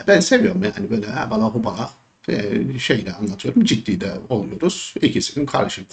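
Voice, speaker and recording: A man teaching history for an exam, ranting and joking in an animated, casual way, sometimes slipping into a Çorum dialect. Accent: Turkish, Çorum dialect slips. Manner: animated, joking, rants and jumps high when worked up. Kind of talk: exam prep lesson with casual rants.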